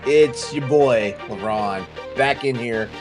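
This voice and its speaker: A man in his forties hosting a casual podcast chat, animated and often restarting his sentences. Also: mid-range voice, takes it slowly, music in the background. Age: 40s. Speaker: podcast host.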